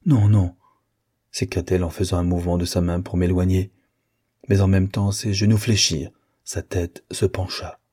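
A man reading a classic novel aloud as an audiobook, in a measured and expressive way. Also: sits low, slightly rough. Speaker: audiobook reader. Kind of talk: scripted narration of a classic novel.

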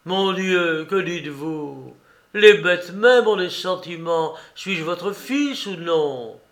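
A man's voice: sits high, expressive, slow, fairly bright tone, voice pushed up, exaggerated voice. Man voicing a desperate condemned prisoner. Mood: bitter desperate. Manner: irritated, desperate. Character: condemned young man, shivering, irritable and desperate.

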